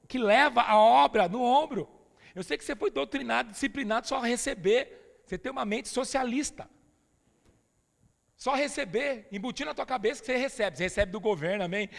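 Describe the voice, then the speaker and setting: A Brazilian man delivers an emphatic, familiar sermon, his voice set high and roughened by a gravelly edge. Long reverb from a church hall trails behind every phrase. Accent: Brazilian Portuguese. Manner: emphatic, familiar, calls listeners "dear". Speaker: pastor.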